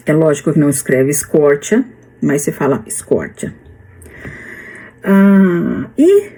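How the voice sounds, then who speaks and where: A woman in her fifties speaks with a Brazilian Portuguese accent in a relaxed, casual vlog. Her voice sits low and dark, and she talks very slowly. She restarts her sentences often and pauses on fillers as she explains. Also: rough recording. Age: 50s. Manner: slow, hesitant, with many restarts and fillers. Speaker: vlogger.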